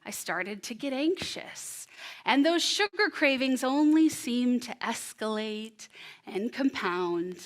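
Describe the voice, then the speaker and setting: A woman in her thirties performing a personal story on stage before an audience, with an expressive, animated delivery and dramatic pauses. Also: a little high. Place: presentation room before an audience.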